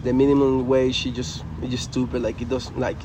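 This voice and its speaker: In a noisy setting, a young adult college baseball player from Venezuela answers interview questions in a casual, earnest way. His medium-pitched voice shows little pitch movement and runs a little fast, carrying a Venezuelan Spanish accent from his native language. "Man" and "you know" come up frequently.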